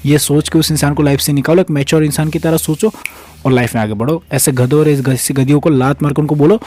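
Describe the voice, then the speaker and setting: A man's voice: fairly high pitch, steady tone, fast, a little mellow. A man with an Indian accent giving emphatic, repetitive relationship advice as a coach. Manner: emphatic, repetitive, acts out pleading quotes. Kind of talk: motivational advice monologue.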